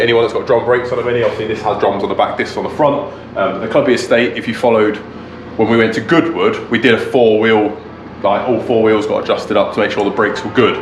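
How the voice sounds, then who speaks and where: Guy rambling casually on a car vlog, lowish voice, roomy echo, bit of noise. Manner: informal, rambling walk-through explanation. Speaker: car restoration vlogger, presenter. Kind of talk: casual vlog talk to camera.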